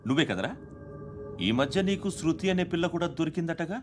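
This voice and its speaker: A corrupt, threatening police villain, played by a man, with a slightly high, swinging voice that barks and menaces. Loud film score plays under every line. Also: animated, brisk, lightly acted. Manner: threatening, barking. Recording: film soundtrack with loud music.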